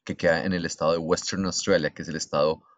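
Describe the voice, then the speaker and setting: A man's voice: deep voice, fairly even intonation, fast, dry recording. A young adult man with a Colombian accent, telling a story in casual chat with crude slang.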